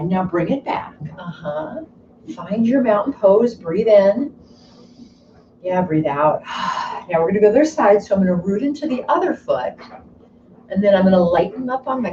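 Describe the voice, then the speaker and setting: A woman's voice: medium pitch, mellow, a little hiss or hum. Woman teaching kids yoga, bouncy sing-song cues, echoey room, a bit far from the mic. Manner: encouraging, sing-song cues with breathy affirmations. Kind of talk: guided kids' yoga class. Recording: roomy, distant, slightly dull home video.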